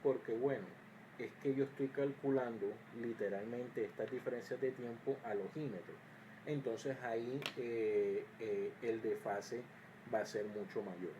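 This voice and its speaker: The recording is muffled and the background noisy as a man gives a screen-recorded electrical circuits lesson in an unhurried, steady, medium-pitched voice. As an engineering teacher, he explains each step, often restarting and using fillers, and sometimes mutters to himself as he checks his work.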